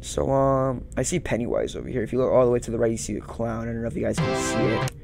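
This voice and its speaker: A young man hosts a gaming video, offering casual let's-play commentary from a small indoor room, muttering and repeating his phrases. His medium-pitched voice is fast and creaky, and loud game audio and music play over it.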